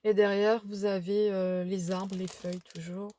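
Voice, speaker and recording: A woman's voice: mid-range voice, level tone, unhurried, warm tone. A tired woman showing a craft shopping haul at home, chatting casually with many fillers and restarts. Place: home room by a window.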